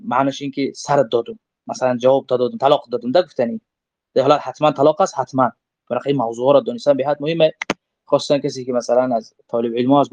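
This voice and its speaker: A man's voice: on the high side, darkish tone, dry recording. A man teaching a religious legal text. He reads short Arabic passages and then explains them in a casual, conversational way with everyday examples. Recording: dull lo-fi dry recording.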